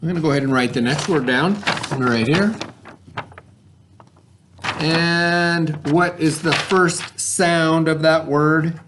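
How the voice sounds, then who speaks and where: A man with a slightly high voice, an elementary teacher, takes his time as he patiently leads a read-along spelling lesson for children at home. He asks questions and sounds out letters, with background noise in the recording.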